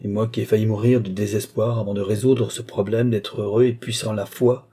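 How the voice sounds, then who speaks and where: Passionate male alchemist, hushed then declamatory, mellow and husky, voiced by the male reader. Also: lowish voice, flat delivery, fairly quick. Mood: awed. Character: man, fervent alchemist, awed and passionate.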